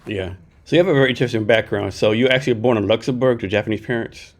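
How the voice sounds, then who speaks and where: Podcast host, male, low-pitched, quick and rambling. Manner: chatty, rambling, tags "right?". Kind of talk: casual interview questions.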